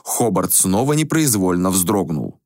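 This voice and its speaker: Man, audiobook narration, lively intonation, dry close sound. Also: deep voice, measured pace, no echo. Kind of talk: scripted narration.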